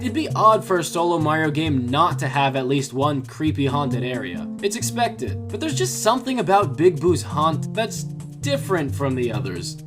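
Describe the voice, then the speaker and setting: A man hosting a scripted countdown video, narrating in a theatrical, tongue-in-cheek storytelling manner. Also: on the high side. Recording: music behind the voice. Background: background music.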